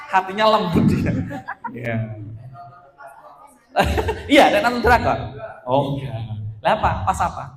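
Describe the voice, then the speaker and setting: Lively Javanese-accented male presenter, echoey hall. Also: high voice. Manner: lively, jokey, mixes in local Javanese phrases. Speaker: teacher presenting a training session. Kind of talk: workshop presentation to teachers. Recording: echoey hall with long reverb.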